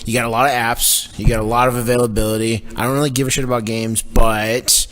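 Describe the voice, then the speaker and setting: A man's voice: medium pitch, little pitch movement, quick pace, fairly bright tone. A man co-hosting a casual tech chat show, rambling and joking with frequent laughs. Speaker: podcast co-host.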